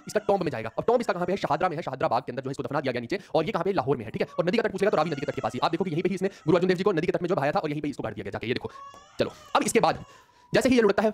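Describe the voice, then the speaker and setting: Rapid-fire joking male history teacher. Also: high voice. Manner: joking, slangy, asks "है ना?" constantly. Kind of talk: casual exam-prep lecture.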